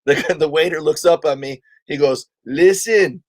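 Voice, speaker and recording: Animated storytelling comedian, dry sound. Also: male voice, on the high side, moderate pace, no room sound. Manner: animated storyteller acting out quotes. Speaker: comedian guest. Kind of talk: storytelling interview chat.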